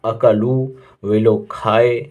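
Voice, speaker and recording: Brief: low-pitched male teacher drilling verb forms, patient and methodical. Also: little pitch movement, a little mellow, lo-fi sound. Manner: patient, repeats each word with its meaning, asks and answers his own questions. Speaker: Arabic grammar teacher. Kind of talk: classroom lesson explanation.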